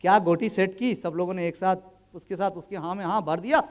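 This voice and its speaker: Man in his 30s, very high voice, colloquial motivational storyteller at a business event who acts out the dialogue. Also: fairly even intonation, brisk, a little mellow.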